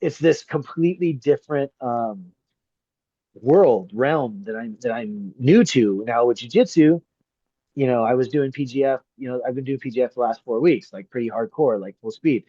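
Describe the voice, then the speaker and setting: A middle-aged man, a grappling referee and coach, chatting as a podcast guest; he tells stories with lively energy, swears freely, and acts out the people he quotes. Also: medium pitch, normal speed, slightly rough, no echo. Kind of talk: casual chat. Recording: slightly muffled dry podcast audio.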